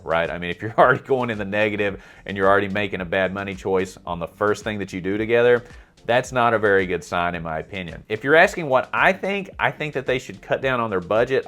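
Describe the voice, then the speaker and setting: Low-voiced chatty male vlog host. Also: a bit bright. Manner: chatty, self-deprecating, asks viewers for opinions. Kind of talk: casual vlog commentary.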